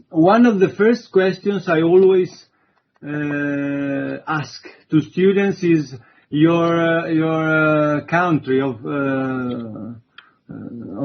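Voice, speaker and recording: A man's voice: a little high, dull audio. A man giving an online introductory university lecture, hesitant and full of fillers. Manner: slow, hesitant, many fillers.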